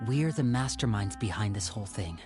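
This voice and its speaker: A woman's voice: a bass voice, expressive, brisk, over music. A woman voicing a suave, theatrical, scheming young man and older brother in an anime game. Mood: earnest, conspiratorial.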